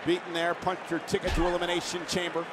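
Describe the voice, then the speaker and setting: Wrestling commentator, male, very high-pitched, dramatic play-by-play calls, loud arena din behind. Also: completely flat delivery, quick pace, a crowd in the background, background noise. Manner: dramatic, emphatic calls of each move.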